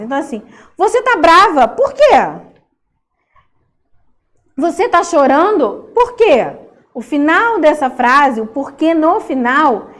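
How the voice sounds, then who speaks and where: A young woman teacher giving a recorded Portuguese class to children, explaining in a sing-song way and checking in often with "ok?". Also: sits high.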